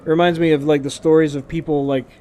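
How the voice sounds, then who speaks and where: A man's voice: fairly high pitch, flat delivery, fast talker, warm tone. A man casually narrating his own gameplay as a streamer, talking to himself with wry, sarcastic asides.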